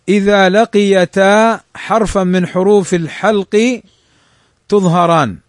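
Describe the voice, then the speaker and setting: A man teaching the rules of Quran recitation. He reads the rules quickly and draws the examples out slowly. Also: high voice, no echo, studio quality. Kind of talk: tajweed lesson explaining a text.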